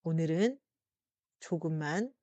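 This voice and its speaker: A woman presenting a psychology talk, speaking gently and consolingly to her listeners, with slow pauses. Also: low-pitched, lively intonation, dry recording. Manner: addresses listeners directly and warmly. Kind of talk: reflective explanatory talk to viewers.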